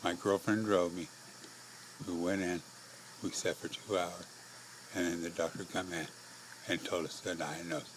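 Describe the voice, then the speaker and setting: A frail middle-aged American man tells his own story, clearly short of breath. His low voice stays very flat and comes in halting, short phrases. There is steady noise in the background. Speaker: patient telling own life story. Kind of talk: personal testimony to camera.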